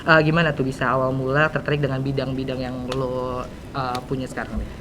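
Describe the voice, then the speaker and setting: Speaking with a Jakarta Indonesian accent, a teenage podcast host conducts a relaxed interview full of slang, fillers, and hesitations. His voice barely moves in pitch and his pace is brisk. Clear background noise and a low rumble sit behind him.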